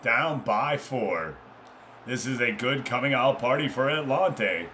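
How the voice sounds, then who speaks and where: A streamer commentates a football management game, giving live, informal play-by-play and chatting casually with viewers between passes. His mid-range voice is expressive, pushed and bright, with a measured pace and a little hiss or hum.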